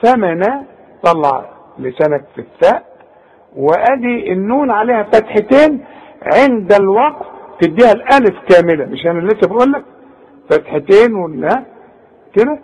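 A man's voice: high-pitched, lively intonation, moderate pace, pauses often, darkish tone, breathy edge, poor audio. A man with an Egyptian Arabic accent teaching Quran recitation rules, speaking directly to the student and demonstrating each word. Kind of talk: tajweed lesson.

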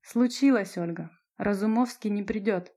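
A woman voicing a sharp-tongued, jealous teenage schoolgirl with a cutting, mocking manner. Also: medium pitch, moderate pace, natural voice. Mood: troubled.

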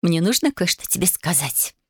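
A woman's voice: lowish voice, animated, fairly quick, no room sound, clean studio sound. A woman reading an audiobook voices a young woman in love, theatrical and conspiratorial with her sister. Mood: dreamy.

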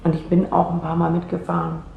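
Quick and monotone, her lowish, creaky voice comes through with phone-like quality as she plays an unsure young woman in radio drama dialogue. The naturalistic performance is full of hesitation and self-interruptions, set in a roomy recording with faint noise.

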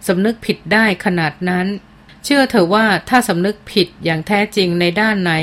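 A woman doing a gentle teenage girl. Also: medium pitch, lightly acted. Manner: soft, slightly trembling reassurance.

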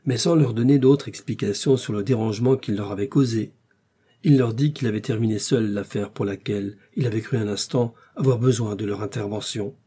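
A man narrating a classic adventure novel in a measured, even way. His voice is mellow and dark, with a slight husk to it. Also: on the low side, breathy edge. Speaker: audiobook narrator.

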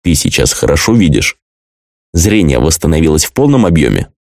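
A man voicing a cold, merciless young male avenger in an audiobook, speaking in a flat, icy, detached way. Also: extremely low pitch, fairly quick, gravelly, no room sound, studio quality, heavily acted.

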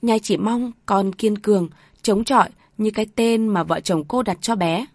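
A woman's voice: medium pitch, normal speed, darkish tone, no echo, clean studio sound. A woman reads a family drama aloud as the narrator, with emotive storytelling.

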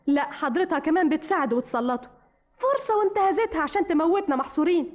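A woman's voice: high-pitched, animated, fast. An actress in an old Egyptian radio drama playing a young orphan woman desperate to escape, speaking with anguish in an Egyptian accent. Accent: Egyptian Arabic. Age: young adult. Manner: anguished, tearful outbursts. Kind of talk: 1950s radio drama acting. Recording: dull old radio recording.

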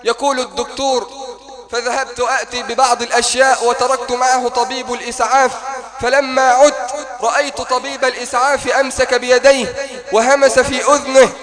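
A man preaching a sermon in a mosque, telling a moving story and rising to impassioned near-shouting. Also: extremely high pitch, little pitch movement, brisk, music in the background.

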